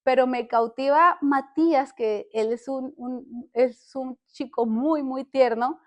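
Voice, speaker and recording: An older woman and podcast host sharing a personal faith testimony, speaking earnestly and haltingly, often restarting her words. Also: high voice.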